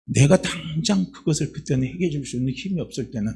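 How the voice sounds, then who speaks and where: A man pastor preaching a sermon in a church, with rhetorical questions and repeated phrases, building to loud emphatic passages. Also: on the high side, animated, fast talker, vocal fry, breathy edge. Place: church sanctuary.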